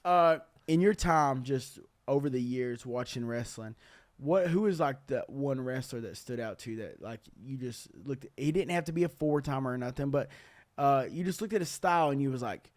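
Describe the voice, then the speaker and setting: A man's voice: mid-range voice, moderate pace. Earnest young man telling his story. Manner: earnest, candid, loose talk full of "uh", "man", "dude". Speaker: podcast host. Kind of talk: casual podcast storytelling.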